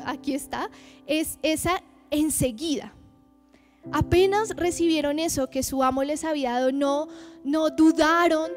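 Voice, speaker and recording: A woman in her twenties, a guest youth leader, giving a chatty, self-deprecating testimony sermon in church and tossing rhetorical questions to the congregation. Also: high voice. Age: 20s. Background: background music.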